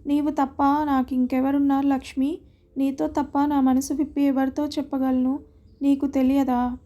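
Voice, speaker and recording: Woman reading a gentle, sorrowful wife. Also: high-pitched, level tone, moderate pace, lightly acted. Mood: soft, sad. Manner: soft and sorrowful. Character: troubled, gentle middle-aged wife.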